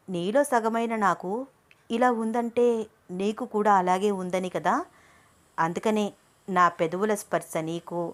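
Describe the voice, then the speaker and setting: A woman's voice: mid-range voice, lightly acted. A charming young husband, romantic and teasing, coaxing his shy wife in a storybook romance, as a female narrator reads him. The delivery stays close to her own medium voice.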